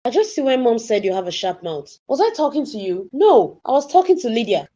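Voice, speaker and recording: A woman's voice: on the high side, sing-song, fairly quick, warm tone. A woman voicing a jealous young sister who makes snide, provoking remarks. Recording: dull lo-fi recording.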